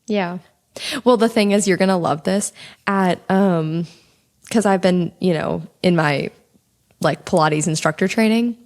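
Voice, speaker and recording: A young adult woman co-hosting a casual chat podcast, talking in a calm, relaxed, slightly monotone way with a little vocal fry. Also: lowish voice, measured pace. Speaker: podcast co-host.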